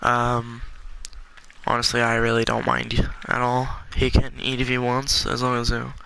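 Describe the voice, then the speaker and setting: A man's voice: mid-range voice, monotone, normal speed, gravelly, bright, forceful tone, slight background noise, low-quality recording. A congested young man giving rambling, filler-heavy casual commentary while playing a game. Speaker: gaming YouTuber.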